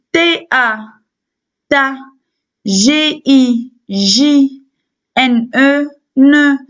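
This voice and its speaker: A woman with a Tunisian French accent teaches young children to read, spelling out letters and repeating syllables over and over. She speaks very slowly, in a fairly high voice. The recording sounds dull and lo-fi. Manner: slow and deliberate, repeats syllables several times. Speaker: primary school teacher. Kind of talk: slow phonics lesson for young children.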